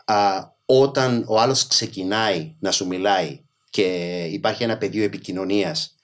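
A middle-aged man with a mainland Greek accent, telling stories casually and emphatically as a podcast guest. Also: on the low side. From Greece. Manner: animated, emphatic, acts out quoted speech. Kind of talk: casual conversational storytelling.

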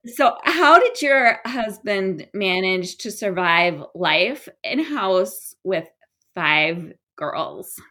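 A woman's voice: mid-range voice, expressive, drawn-out words, bright, forceful tone. A woman hosting a conversational interview, engaged and sharing her own memories with her guest. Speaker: host.

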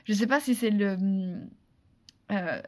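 A woman from France, a guest in a casual interview, telling a story in a lively, chatty way with many restarts and fillers. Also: medium pitch, slow pace. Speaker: interview guest, former beauty pageant contestant.

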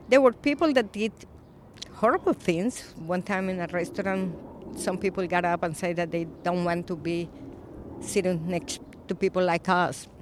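A Colombian-born woman in her fifties, an Episcopal priest, speaking thoughtfully in a recorded interview, with frequent pauses and fillers. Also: on the low side, a little hiss or hum. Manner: reflective, soft-spoken with frequent pauses and fillers.

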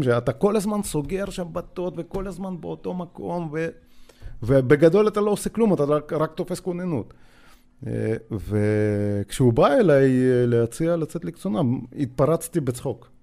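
A man in his forties with a Russian accent, a podcast guest telling his own story in a hesitant, halting way full of filler sounds. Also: a little high, expressive, gravelly, warm tone. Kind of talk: personal storytelling.

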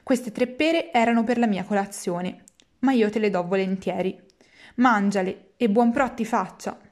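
A woman voicing a patient, kindly old man, a poor father, speaking lower and softer. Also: moderate pace, close to an everyday voice. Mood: gentle lecturing.

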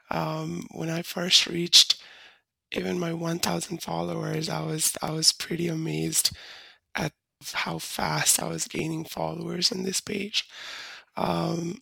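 A young woman from Nepal, a podcast guest whose voice runs through a disguise filter that makes it deeper, talking hesitantly with many fillers and restarts. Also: flat delivery, slow, vocal fry, a bit bright, slightly rough, no echo, rough recording. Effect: voice disguise filter, pitched down to sound deeper. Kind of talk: interview conversation.

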